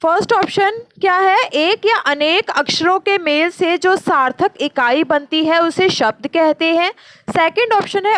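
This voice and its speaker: A woman teacher explains exam questions, repeating and asking and answering her own questions, and slows down sharply to give each answer. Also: high voice, fairly bright tone, dry recording. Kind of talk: exam-prep lecture.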